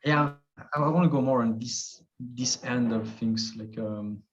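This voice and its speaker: A Swiss travel video creator with a medium-pitched voice speaks a little slowly as he works through his ideas in a casual interview. He's thoughtful and hesitant, with many fillers and restarts, on dull, lo-fi podcast audio.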